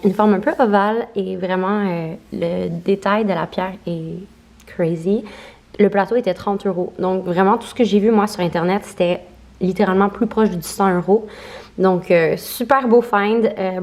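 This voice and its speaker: A woman's voice: mid-range voice, fairly even intonation, moderate pace, darkish tone. A young woman with a Québécois French accent, vlogging casually and mixing in English words. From Quebec. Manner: chatty, mixes in English words. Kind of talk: casual vlog.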